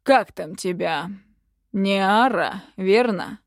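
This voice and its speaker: A woman voicing a domineering, cruel male emperor who gives slow, loud, imperious commands. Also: mid-range voice, no echo, studio quality.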